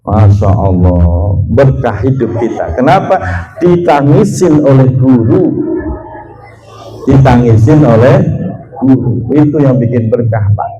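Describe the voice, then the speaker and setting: Folksy preacher with mellow voice. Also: male voice, unhurried, pauses often, lo-fi sound, soft background music. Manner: folksy, addresses listeners as "Pak", swings between high and low pitch. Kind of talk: sermon.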